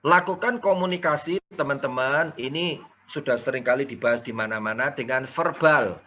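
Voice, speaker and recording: A man teaching a live online sales training, energetic and coaxing participants to type answers in the chat. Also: mid-range voice, normal speed, slight background noise. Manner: mixes in English words.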